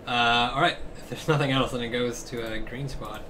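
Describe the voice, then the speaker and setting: A man's voice: medium pitch, steady tone, moderate pace, noisy background. A man narrating a tabletop game as game master, loose and profane, laughing often as he describes the action.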